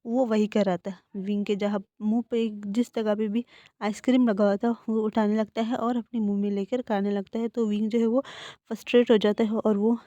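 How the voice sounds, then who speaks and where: A woman's voice: medium pitch, little pitch movement, brisk, mellow, no room sound, lo-fi sound. A woman casually retelling a fan fiction story in a plain, conversational way.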